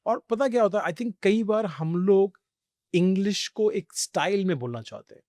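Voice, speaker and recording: A middle-aged man from India speaks as a podcast guest, storytelling conversationally and with animation while blending English phrases into his Hindi. He has a high-pitched voice and a moderate pace. The studio-quality audio has no echo.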